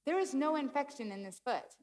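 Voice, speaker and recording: A woman's voice: high voice, lively intonation, fairly quick, darkish tone, big-room sound, voice pushed up. A woman putting on the voice of a kind, cheerful male foot doctor while telling a story. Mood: chirpy.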